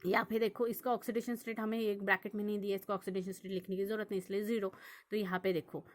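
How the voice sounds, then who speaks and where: A woman's voice: medium pitch, level tone, quick pace. A young woman teaching a chemistry lesson, working through examples and asking her students questions as she explains. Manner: repetitive, checks understanding with questions. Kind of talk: classroom lesson explaining on a board.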